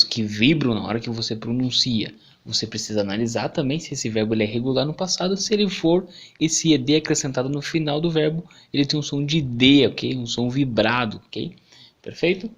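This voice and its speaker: A man's voice: on the high side, fairly bright tone. A man giving an online English lesson, who keeps checking in with "ok?" and "perfeito?". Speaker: English teacher.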